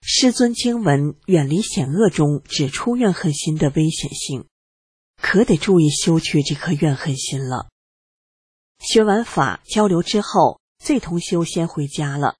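An adult reading a personal testimony aloud in a steady first-person way, earnest and reflective. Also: medium pitch, unhurried, slightly rough, no room sound.

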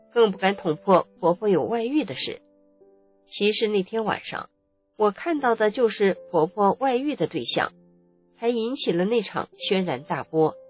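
A woman's voice: medium pitch, breathy edge. A woman, earnestly narrating her own life story in the first person. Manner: emotional, earnest recounting.

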